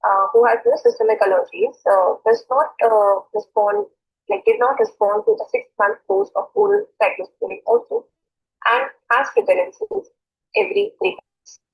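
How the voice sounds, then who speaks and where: A woman doctor presents a case in a high, lively voice that swings in pitch. The sound is muffled and lo-fi, like a call. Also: normal speed, creaky, slightly rough. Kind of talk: scripted clinical case presentation. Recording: dull, telephone-like online call audio.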